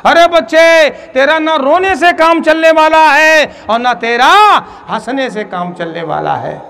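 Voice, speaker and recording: A stern old holy man, as a preacher puts him on, with a raised, gravelly voice that drops low and calm when he teaches. He sounds firm and fatherly. It comes across as a parable inside a sermon. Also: normal speed. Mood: instructing. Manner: scolding then gently instructing.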